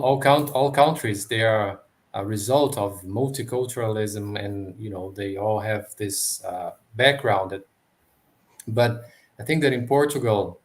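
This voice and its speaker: A man hosting an interview, asking long questions in a halting way as he searches for words. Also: fairly low pitch. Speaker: host. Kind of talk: interview conversation.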